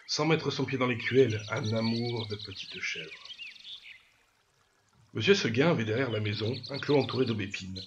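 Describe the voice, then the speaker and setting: A man reading a classic tale aloud with lively expression, often speaking to the listener directly. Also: medium pitch, background noise. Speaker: storyteller. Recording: dull lo-fi with birds chirping.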